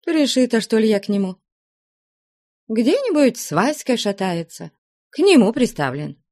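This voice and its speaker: Grumpy young choir nun, done by a woman reader, snappy and fretful, slow lively voice. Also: on the high side, no room sound, clean studio sound, pitched above the performer's own voice, exaggerated voice. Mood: snappish. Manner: grumbling, snappish.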